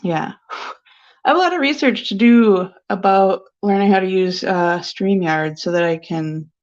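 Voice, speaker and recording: A woman's voice: medium pitch, measured pace. A sniffly woman painter chatting casually on a live stream, rambling and giggly with lots of filler words. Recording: dull lo-fi stream audio.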